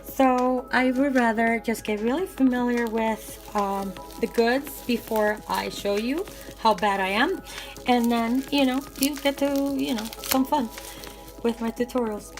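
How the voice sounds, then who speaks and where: A raspy-voiced woman, worn out with bronchitis, chats casually in an ASMR unboxing vlog, rambling and often correcting herself. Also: on the high side, fairly even intonation, unhurried, soft background music, low-quality recording. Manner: rambling, hesitant, self-correcting. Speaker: art supply vlogger.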